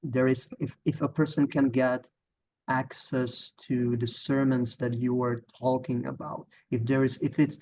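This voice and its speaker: A man's voice: mid-range voice, level tone, a little mellow, slight background noise, poor audio. Hesitant Czech man on a call. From Czech Republic. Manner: halting, searching for words, apologetic. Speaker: student asking a question. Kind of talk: audience question on a video call. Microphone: video call.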